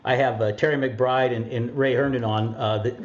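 Guy hosting a podcast, halting and earnest, kinda muffled sound. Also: medium pitch, steady tone. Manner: halting, earnest, many restarts. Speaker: podcast host. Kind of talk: casual interview.

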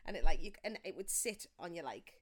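A woman's voice: fairly low pitch, lively intonation, fairly quick. A young woman, casually telling childhood stories and often laughing mid-sentence. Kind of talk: casual chat.

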